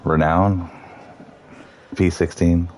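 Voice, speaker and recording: A man commentating live on a sim race, reading out the starting grid in a relaxed, joking way. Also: deep voice, extremely slow, a little hiss or hum.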